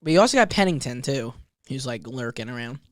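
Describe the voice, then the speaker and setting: A man co-hosting a casual podcast, his pitch leaping up and down as he rambles through fight talk. He keeps stacking fillers and restarts, and the sound is dry and close. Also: fast talker, dry recording. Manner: animated, rambling, lots of fillers. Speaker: podcast co-host. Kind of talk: casual chat about fights.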